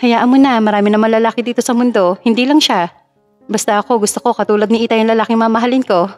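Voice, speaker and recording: Woman as a feisty young grad, twenties, sharp-tongued, high voice, soft music underneath. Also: steady tone, quick pace, lightly acted. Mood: earnest. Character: feisty young woman, fresh college graduate.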